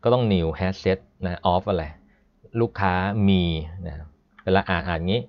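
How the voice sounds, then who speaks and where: Man, low voice, chatty coding instructor on a live class; dull lo-fi sound. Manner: chatty and explanatory, stops to read code aloud slowly. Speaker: programming instructor. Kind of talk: live-streamed coding lesson. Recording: dull lo-fi stream audio.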